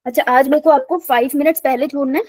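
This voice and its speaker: A woman's voice: high voice, steady tone, fast talker, a little mellow, no room sound. A young woman teaching a live online biology class in a casual, chatty way, telling stories and often laughing.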